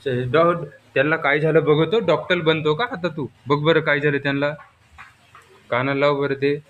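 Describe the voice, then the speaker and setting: A man chatting playfully with a small child over toy animals at home, coaxing and full of excited exclamations. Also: fairly high pitch, normal speed, lo-fi sound. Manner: animated, exclamatory, coaxing, with frequent "arey" and "baapre". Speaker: adult playing with a small child. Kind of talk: playful chat with a toddler.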